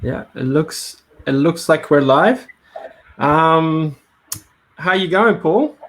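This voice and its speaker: A man's voice: on the high side, expressive, slow pace, fairly bright tone. A man hosting a live webinar in a casual, hesitant way, with many fillers and restarts. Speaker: webinar host. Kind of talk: casual live-stream talk. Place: Brisbane.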